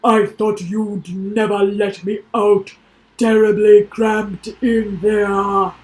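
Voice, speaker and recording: A woman's voice: little pitch movement, slow pace, darkish tone, natural voice, poor audio. A woman voicing a boisterous male smog monster who bellows heartily. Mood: satisfied. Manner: booming and hearty.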